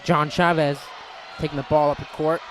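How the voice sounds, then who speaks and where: A young man calling a high school basketball playoff game play by play, getting loud at the big plays. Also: level tone, normal speed, background noise. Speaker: play-by-play announcer. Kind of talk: live basketball commentary.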